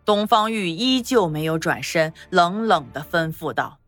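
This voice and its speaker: A woman giving expressive scripted narration for a palace audio drama. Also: on the low side, unhurried, soft background music.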